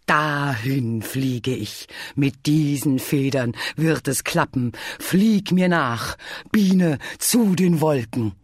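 A storyteller voicing an eager, clumsy male bear who wants to fly, speaking slowly and earnestly in a lowered voice. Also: husky, dry recording, studio quality. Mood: determined. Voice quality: deep, slow, earnest and stubborn. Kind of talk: storybook read-aloud.

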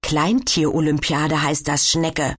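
A woman's voice: low voice, steady tone, slow pace, breathy edge, exaggerated voice. A woman voicing a good-natured, teasing older boy in a children's story. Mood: playful. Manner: playful, teasing.

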